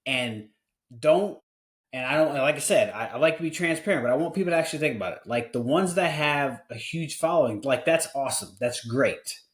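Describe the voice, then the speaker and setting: Male podcast host, 40, mid-pitched, candid and earnest, trips over his own words and restarts a lot. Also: expressive, brisk, echoey room. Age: 40s. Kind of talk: casual podcast conversation.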